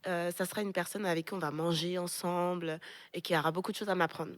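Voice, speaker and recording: A young Frenchwoman, pastor and co-host, telling a story in a lively casual way and acting out the voices of people she quotes. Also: on the low side, fast talker. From France. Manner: lively, animated retelling with quoted voices and laughter.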